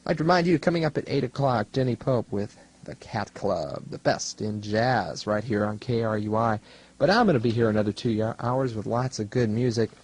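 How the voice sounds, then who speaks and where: A young adult man with a lowish, darkish, husky voice works as a student DJ in a radio studio. Between songs on college radio, he chats casually in a wry, rambling, self-deprecating way.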